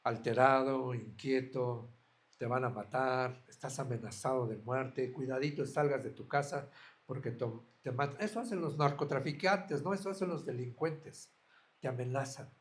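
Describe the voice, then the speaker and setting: A man's voice: mid-range voice, moderate pace. A man preaching a sermon as a pastor, earnest, asking his listeners direct questions.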